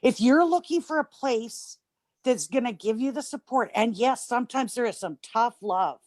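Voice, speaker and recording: Gushing high-voiced woman testifying. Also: lively intonation, moderate pace, no room sound. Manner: gushing, emphatic, choked up at times. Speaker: member testifying on a group video call. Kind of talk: emotional testimonial.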